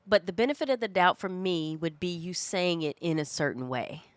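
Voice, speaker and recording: A hoarse woman with a cold, co-hosting a casual chat and telling stories in an animated way. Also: fairly low pitch, brisk, no room sound. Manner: animated, chatty storytelling. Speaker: co-host.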